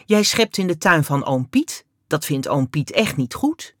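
A woman voicing a stern, bossy young girl who calls out loudly in a high voice. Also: lively intonation, measured pace, no echo, studio quality.

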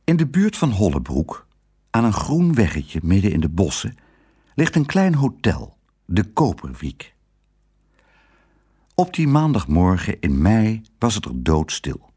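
A man narrating a children's audiobook with very expressive, lively storytelling. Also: lowish voice, measured pace, husky.

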